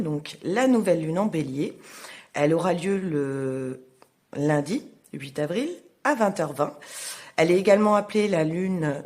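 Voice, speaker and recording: A young woman astrologer giving a casual tarot reading to viewers, halting and full of fillers. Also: low-pitched, darkish tone. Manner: hesitant, many fillers, slow and halting.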